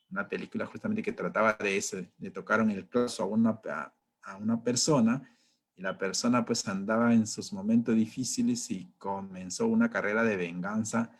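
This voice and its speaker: A man leads a training session in a relaxed, conversational way. He keeps checking in with his listeners through rhetorical questions. Every so often he acts out an angry driver shouting. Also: lowish voice. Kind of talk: training talk.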